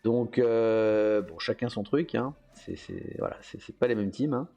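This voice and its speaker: A man's voice: lowish voice, unhurried, creaky, mellow, faint music behind. A man hosting a casual livestream, rambling through his talk with hesitant fillers and frequent chuckles. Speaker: host.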